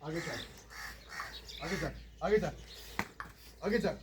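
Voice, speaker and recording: A man's voice: on the high side, takes it slowly. A man on a farm talking to the camera while calling and coaxing an animal, with repeated calls. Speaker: vlogger. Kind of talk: casual outdoor vlog. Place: outdoors on a farm. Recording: distant mic with loud outdoor noise.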